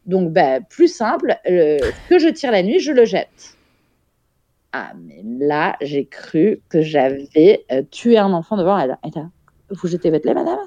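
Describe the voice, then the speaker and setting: A woman's voice: lowish voice, sing-song, a little slow, mellow, dry recording, dull audio. A woman in her thirties, a podcast guest telling a story in a frank, casual way, swearing now and then and using plenty of fillers.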